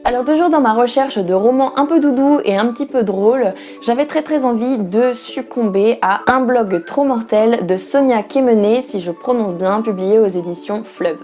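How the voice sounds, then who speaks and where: A young woman chats about books straight to her camera, playful and full of little asides. Her voice is warm and mellow, and faint music plays underneath. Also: fairly high pitch, moderate pace, few pauses. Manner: chatty, playful, frequent fillers and asides. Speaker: book vlogger. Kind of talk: casual book talk to camera. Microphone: camera mic.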